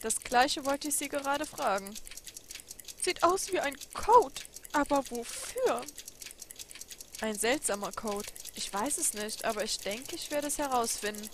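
A woman voicing an old male clockmaker in a game, speaking loudly and drawing out exclamations. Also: high voice, animated, a little slow. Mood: amazed. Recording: audible background noise.

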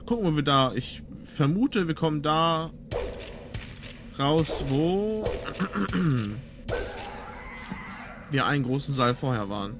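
A man's voice: fairly high pitch, expressive, slow, pauses often, noisy background. A man giving casual gameplay commentary as a let's player, musing aloud to himself. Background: game sound.

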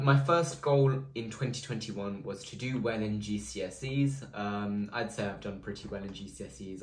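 A teenage boy, a vlogger, chatting casually with lots of ums and likes. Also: lowish voice. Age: teens. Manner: chatty, filler-heavy, lots of "um" and "like". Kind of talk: casual vlog talk. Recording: echoey room with faint noise.

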